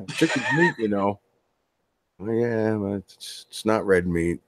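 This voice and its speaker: A man with a lowish voice speaks slowly as a guest author in a casual interview, rambling loosely and restarting often. There is no room sound.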